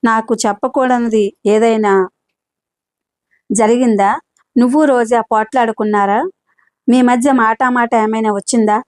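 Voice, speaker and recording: Concerned older brother, insistent and pressing, read by a woman narrator, dry and a touch high. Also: fairly even intonation, moderate pace, pauses often, darkish tone, no echo, natural voice. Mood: worried, urgent. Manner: pressing, worried questions. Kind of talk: audiobook character reading.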